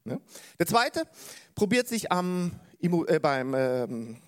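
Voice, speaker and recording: A male pastor giving a sermon in a relaxed, storytelling way, often asking the congregation questions. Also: on the high side, takes it slowly. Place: church service.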